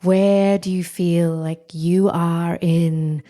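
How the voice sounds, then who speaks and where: A woman hosts a podcast interview and asks questions with thoughtful, gentle phrasing. She speaks unhurriedly and at length, in a warm, mellow tone that sits slightly low. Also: fairly even intonation, takes it slowly. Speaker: podcast host.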